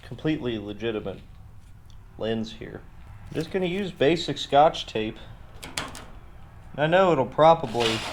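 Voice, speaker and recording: A man with a medium-pitched voice hosts a DIY car repair channel, narrating folksily as he works in his garage workshop. He tosses in tongue-in-cheek, mock-serious asides, with background noise in the recording.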